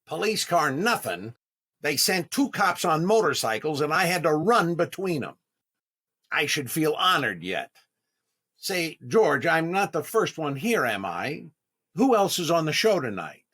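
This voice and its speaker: A male actor plays a vain, eager comedian who gets flustered easily, in the style of 1930s radio comedy, stammering and drawing out his exclamations. His voice is fairly high and a bit bright, with big pitch swings and heavy acting.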